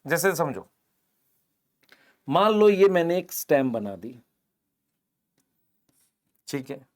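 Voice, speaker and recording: A man teaches biology to exam students in a fairly high voice. He keeps asking the class short questions, answers them himself, and calls the students "beta". He talks through his board drawings step by step. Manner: explains while drawing on a board, points with "idhar dekho". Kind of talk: online exam-prep lecture, Hindi mixed with English terms.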